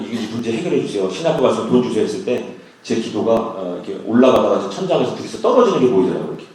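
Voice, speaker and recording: A male preacher tells his story in a lively, quick voice that swings high and low. He is heard from a distance, and the church hall around him echoes heavily. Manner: animated storytelling, acting out quoted prayers. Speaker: pastor. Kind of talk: sermon with testimony.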